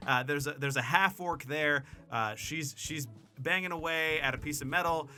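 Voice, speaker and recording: Laughing game master, bright voice. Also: male voice, on the high side, moderate pace, faint music behind. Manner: chatty, laughs easily, self-deprecating. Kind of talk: narrating a tabletop game, casual chat.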